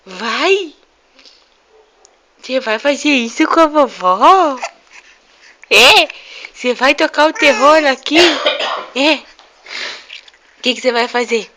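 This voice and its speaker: A woman's voice: sits high, expressive, slow, long pauses, pushed and bright. A mother, cooing at her baby at home in playful, sing-song questions, recorded on a phone. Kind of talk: baby talk to an infant. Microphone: phone held close.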